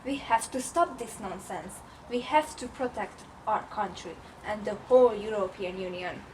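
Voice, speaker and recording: A woman's voice: medium pitch, moderate pace, far from the mic, natural voice. A woman playing a pompous, self-righteous politician in a parody news interview. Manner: pompous, declaiming. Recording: noisy amateur location recording.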